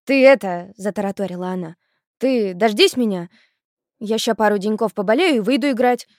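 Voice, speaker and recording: A woman's voice: mid-range voice, fairly quick, no echo, studio quality, lightly acted. Ulka, a woman doing a brash village girl. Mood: pleading. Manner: brash, blurting, loud outbursts. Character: feisty barefoot village girl, blunt and excitable. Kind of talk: audiobook character voice.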